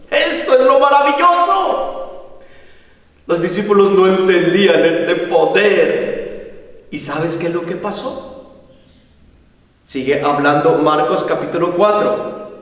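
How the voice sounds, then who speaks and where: Pastor guy preaching slow and emphatic, voice way up high, big echoey hall, mic far off. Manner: emphatic preaching with rhetorical questions. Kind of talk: sermon.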